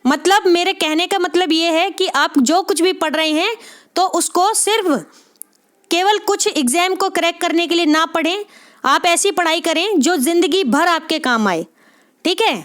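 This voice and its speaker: A woman's voice: very high-pitched, a bit bright. A woman tutor giving a spoken exam-prep lesson, encouraging her students and checking "okay?" after nearly every phrase. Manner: spells out sounds slowly one by one. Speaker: Hindi literature exam tutor.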